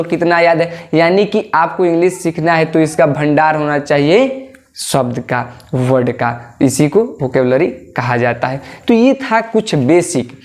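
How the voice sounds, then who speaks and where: Pronunciation drills spoken aloud fill this online English lesson, led by a teacher whose voice is mid-range and rather dark. The teacher keeps questioning and answering, restates the main points, and refers to viewers as "babu."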